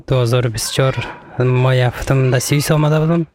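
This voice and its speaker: A young man from Afghanistan telling his own story in plain, halting sentences. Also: mid-range voice, steady tone, darkish tone, a little hiss or hum. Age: young adult. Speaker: interviewee. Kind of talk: personal account.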